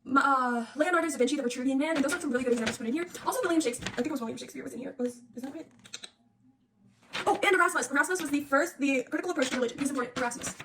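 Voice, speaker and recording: A woman's voice: sits high, racing, hardly any pauses, distant mic. A young woman casually reviewing history for an exam on her phone, rambling and slangy, with lots of restarts. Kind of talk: casual study-review monologue. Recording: faint noise and clicks, voice off-mic.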